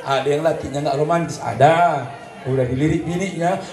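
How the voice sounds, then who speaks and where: Speaking a little high and fairly quick, a preacher from North Sumatra, Indonesia, keeps a festive congregation laughing in his North Sumatran accent. He dramatizes spats between husbands and wives, jokes energetically and sings short snatches, while the echoey hall carries faint noise.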